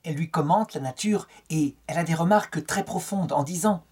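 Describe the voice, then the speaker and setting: A middle-aged French man with a somewhat high, husky, darkish voice lectures a little fast on a saint's life. He tells it as a story, lifting his tone whenever he quotes the people in it.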